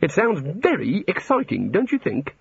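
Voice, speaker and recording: A man performs a fussy old god in a comic storybook, eager and apologetic yet easily vexed. The voice sits high and swoops about as it dithers through flustered rambles, on a slightly muffled recording. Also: very animated, normal speed, husky, no room sound, heavily acted. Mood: enthusiastic. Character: fretful, apologetic, testy bearded old god, eagerly curious.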